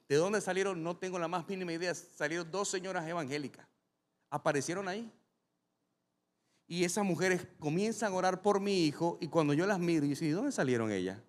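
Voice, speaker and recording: A man, a pastor, preaching a sermon and telling a personal story, speaking straight to the congregation in a lively way. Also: on the high side. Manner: animated, addresses the congregation directly. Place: large church hall with a congregation. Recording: long reverb from a large hall.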